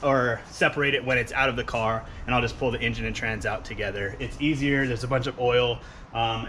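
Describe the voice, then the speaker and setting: A man casually talking through his car project in a relaxed, rambling way, outdoors at home. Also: mid-range voice, a little hiss or hum. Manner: relaxed, rambling, filler-heavy. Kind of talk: casual talk-through while wrenching.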